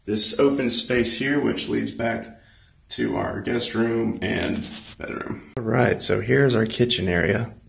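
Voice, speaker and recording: Slow and lowish with vocal fry, this American man in his 20s chats informally on a laid-back vlog tour through empty apartment rooms indoors, holding his phone at arm's length.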